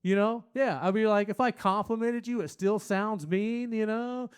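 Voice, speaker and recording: Guy doing stand-up on a small stage, crude rambling bits, smooth clear voice, kinda high. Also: normal speed. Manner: crude, rambling, talks to the crowd; puts on loud silly voices for quotes. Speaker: stand-up comedian. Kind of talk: stand-up comedy set.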